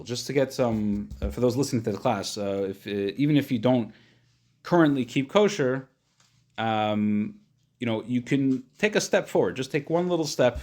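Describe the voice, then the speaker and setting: A man's voice: mid-range voice, darkish tone. A man teaching an informal religious class. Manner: hesitant, searching for words, thinking aloud; casual, plain-spoken, simplifying. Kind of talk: informal religious lesson, explaining.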